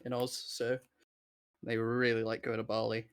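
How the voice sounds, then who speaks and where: A man from Britain chatting casually on a game stream, his voice sitting at an ordinary middle pitch. He jokes and rambles between plays. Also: monotone, moderate pace, smooth. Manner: joking, rambling. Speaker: streamer co-host. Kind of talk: casual chat while gaming.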